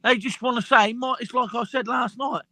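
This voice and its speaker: A man in his fifties with a high, bright voice, chatting casually with friends. He stumbles and repeats words as he goes. The sound is close and dry. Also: steady tone, a little fast, no room sound. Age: 50s. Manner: stammering, repeats himself. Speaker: group chat participant. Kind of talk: casual group chat.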